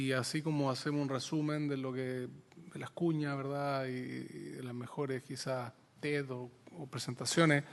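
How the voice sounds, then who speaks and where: A man, a scientist speaking in a committee session, often halting and repeating words as he searches for them. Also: medium pitch. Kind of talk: committee discussion.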